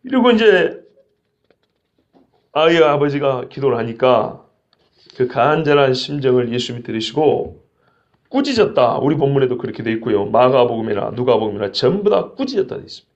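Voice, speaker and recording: A male pastor preaching an expository sermon, acting out quoted lines with sudden shouts. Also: mid-range voice, sing-song, fairly quick, muffled recording.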